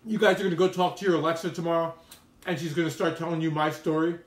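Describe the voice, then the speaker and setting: A fast-talking man with a fairly high, level voice rambles to his livestream viewers as a mukbang streamer, sharing opinions and slang-filled stories. The room sounds roomy and echoey.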